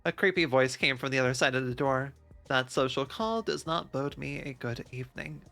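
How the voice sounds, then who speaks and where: Casting: live-stream narrator, bright and mid-pitched, quick to laugh. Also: vocal fry, faint music behind. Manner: laughs between lines, breaks off to joke. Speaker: streamer reading and voicing a game.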